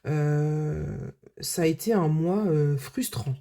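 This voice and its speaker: Woman, low voice, mellow tone, casual vlog chat, many fillers. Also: slow. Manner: chatty, lots of filler words and restarts. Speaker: budget vlogger.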